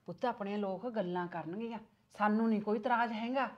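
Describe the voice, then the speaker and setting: ਇੱਕ ਔਰਤ ਪੰਜਾਬੀ ਲਘੂ ਫ਼ਿਲਮ ਵਿੱਚ ਪਿੰਡ ਦੀ ਸਬਰ ਵਾਲੀ, ਫ਼ਿਕਰਮੰਦ ਸੱਸ ਬਣੀ ਹੈ, ਜੋ ਨੂੰਹ ਨੂੰ ਪਿਆਰ ਨਾਲ ਮਨਾਉਂਦੀ ਹੈ।. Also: female voice, medium pitch, brisk, darkish tone, muffled recording, close to an everyday voice. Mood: coaxing. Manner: soothing, pleading, worried. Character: village mother-in-law, patient and worried. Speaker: mother-in-law. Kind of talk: Punjabi short film acting.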